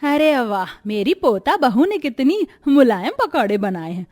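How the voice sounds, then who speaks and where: A woman voicing a greedy, bossy old grandmother-in-law in an animated story, scolding and giving orders. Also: high-pitched, a little slow, exaggerated voice. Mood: taunting. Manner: commanding, scolding.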